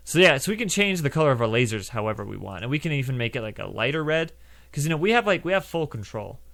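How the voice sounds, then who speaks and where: A man's voice: medium pitch, fairly bright tone. A young man hosting a casual coding tutorial, chatting loosely through each step with lots of fillers. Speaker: game development tutorial host.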